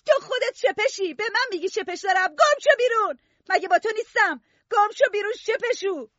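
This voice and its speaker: A shrill, very high woman's voice screaming and scolding, a frail and hateful foster mother, as a male narrator puts her on. The recording is dry and a little dull. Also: animated, pushed and bright, dry recording, heavily acted. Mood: furious. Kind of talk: audiobook character voice.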